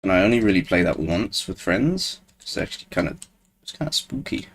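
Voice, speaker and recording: A man's voice: low-pitched, very animated, brisk, slight background noise. A man streaming a game alone, rambling in casual commentary and laughing at himself often. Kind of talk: casual solo gameplay commentary.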